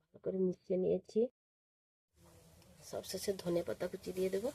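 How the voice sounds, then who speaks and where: A woman walks through a home recipe step by step, her voice hoarse from a cold. She speaks low and fairly flat, calm and repetitive. Faint frying and kitchen sounds sit behind her. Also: brisk, slight background noise. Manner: calm, plain, repeats each step. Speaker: cooking channel host. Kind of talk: step-by-step cooking narration. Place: home kitchen with stove sizzling.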